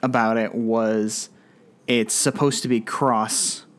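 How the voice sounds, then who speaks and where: A man's voice: lowish voice, little pitch movement, takes it slowly, a bit bright. Easygoing young man talking games. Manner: easygoing, hesitant, mock-quotes people. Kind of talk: casual gaming chat.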